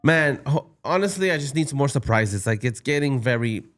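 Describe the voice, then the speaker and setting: A man's voice: mid-range voice, animated, a little fast. A man co-hosting a casual wrestling podcast, chatting loosely with friends. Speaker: podcast co-host. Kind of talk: casual chat.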